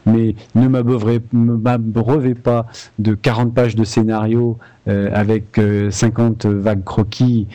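A man's voice: on the low side, warm tone, highs cut off. A man, a video game composer, talking frankly and casually in an interview, with many restarts.

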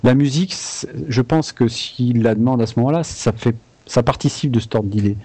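A man's voice: mid-range voice, normal speed, dark tone, husky. A man, a video game composer, talking frankly and casually in an interview, with many restarts.

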